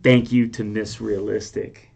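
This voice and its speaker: A man's voice: fairly low pitch, flat delivery, measured pace, creaky, a little mellow, slightly rough, muffled recording. Male reaction-video host, informal and conversational, rambling through personal stories like he's chatting with friends. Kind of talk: casual rambling chat and storytelling.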